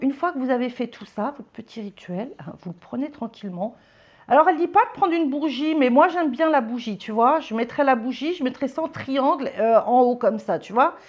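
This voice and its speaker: A woman with a somewhat high voice talks viewers through a homemade ritual in a casual how-to style. She keeps asking whether they are following and drifts between formal and familiar address. The recording is muffled and lo-fi. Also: expressive, moderate pace, darkish tone. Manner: chatty, keeps checking in with "ok?" and "d'accord?". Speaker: vlogger teaching a ritual. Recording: dull lo-fi home recording.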